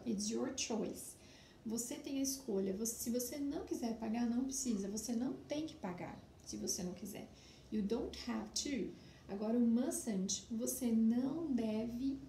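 A woman with a Brazilian Portuguese accent teaching English to young pupils, repeating and explaining each phrase slowly. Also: fairly high pitch, warm tone, slight background noise. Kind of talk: recorded lesson for primary pupils. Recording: echoey room, distant mic.

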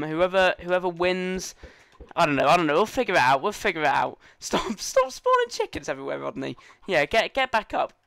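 A man talks his way through a gaming session in casual let's-play commentary, excitable and playful as he chats with the other players. His voice sits a little high and sounds smooth and clear. The recording is close and dry. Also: no room sound. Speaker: gaming channel host.

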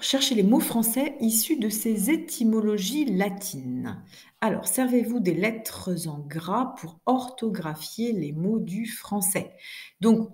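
A woman's voice: mid-range voice, dark tone. A woman teacher correcting exercises in a recorded lesson, explaining patiently with many fillers and restarts. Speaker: French teacher.

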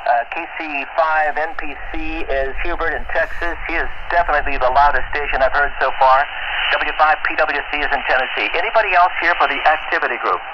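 A man's voice: fairly high pitch, brisk, highs cut off. Man on fading shortwave radio, static. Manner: reads off callsigns and locations in a steady list. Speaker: ham radio net control. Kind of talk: running a radio net.

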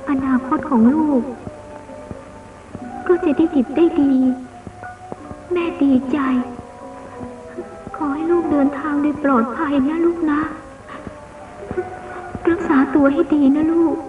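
A woman playing a loving, sorrowful mother who speaks softly to her son in an old cartoon. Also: high-pitched, fairly even intonation, slow, pauses often. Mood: tender. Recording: dull old film sound, distant, with music.

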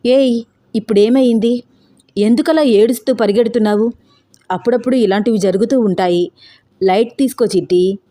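A woman's voice: fairly high pitch, moderate pace, pauses often, warm tone, lightly acted. A woman voicing a persistent young man who coaxes and pleads. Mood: coaxing. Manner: coaxing, pleading. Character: young man, teasing yet caring, persistent.

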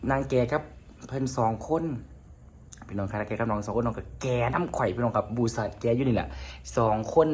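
Chatty man with an Isan accent. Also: mid-range voice. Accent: Isan (northeastern Thai). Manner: chatty, rambling, keeps addressing viewers as friends. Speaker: vlogger. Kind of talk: casual vlog chat to viewers.

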